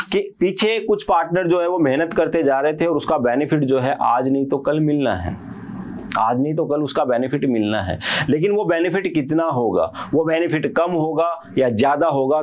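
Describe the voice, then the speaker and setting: A young man teaching commerce in a casual lecture, acting out a quarrel between business partners and their accountant, and often asking his students quick check-in questions. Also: on the high side, darkish tone. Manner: acts out partners' quarrels with a CA in quoted voices. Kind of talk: casual Hindi lecture with playful storytelling.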